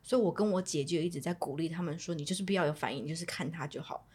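A woman's voice: low-pitched, rapid-fire, a little mellow, breathy edge. A woman in her thirties chatting earnestly and agreeing often, retelling family moments with some animation. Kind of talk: casual chat.

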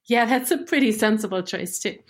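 Explaining machine learning from a script, a research engineer from Germany speaks clearly and at a measured pace. She's a native German speaker with a fairly high-pitched voice.

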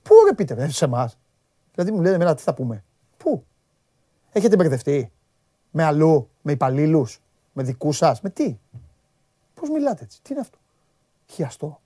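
A man's voice: fairly high pitch, sing-song, pauses often, mellow, no room sound, clean studio sound. A man hosting a live sports talk show, scolding his viewers in an exasperated, repetitive way. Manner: scolding, exasperated, repeats himself when worked up. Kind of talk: heated live sports chat.

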